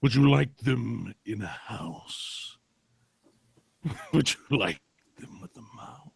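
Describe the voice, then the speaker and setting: A man voicing Dracula as a slow, menacing, theatrical vampire lord who tempts his victim in a comic stage reading. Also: mid-range voice, expressive, gravelly, breathy edge, no echo, exaggerated voice. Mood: sinister coaxing.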